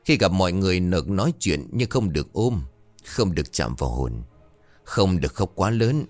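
The solemn voice of an older village shaman giving instructions, as a man puts him on. It is deep and dry, with a steady, authoritative manner. It is read aloud as a ghost story. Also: moderate pace, dry recording, soft background music.

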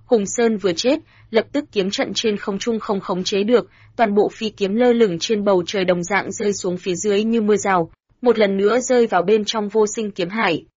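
A woman narrating a fantasy audiobook in a steady, even storytelling manner. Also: medium pitch, brisk, slightly rough, no room sound. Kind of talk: scripted narration. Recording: dull, dry lo-fi sound.

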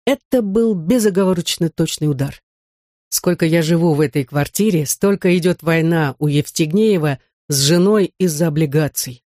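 A woman narrating an audiobook in an even storytelling manner. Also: lowish voice, no room sound, clean studio sound. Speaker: audiobook reader. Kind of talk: scripted narration.

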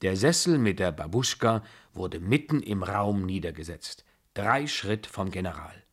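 A man reads a first-person story aloud as an audiobook, in a steady, measured delivery. His voice sits low, with a husky, slightly breathy texture. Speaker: audiobook reader. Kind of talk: scripted first-person narration.

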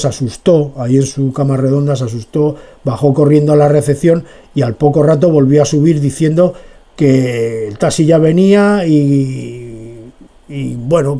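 A man's voice: mid-range voice, mellow. A man, hosting a radio show and telling a long personal story full of filler asides. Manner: digressive, lots of "tal y cual" filler asides. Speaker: radio host. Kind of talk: rambling personal anecdote on radio.

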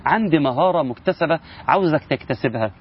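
A man's voice: a little high, animated, fast, highs cut off, a little hiss or hum. A man with an Egyptian accent, teaching Quran recitation rules in a casual spoken lesson and asking his listeners rhetorical questions. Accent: Egyptian Arabic.

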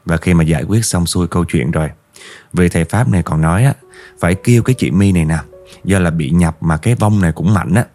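A man's voice: deep voice, fast talker, darkish tone. A man with a Southern Vietnamese accent narrating a ghost story vividly, speaking directly to his listeners. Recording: faint background music.

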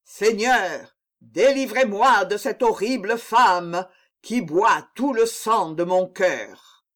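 Pompous brooding poet, solemn and declamatory, slow delivery, voiced by an audiobook reader. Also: mid-range voice, very animated. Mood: declaiming. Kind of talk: audiobook character voice.

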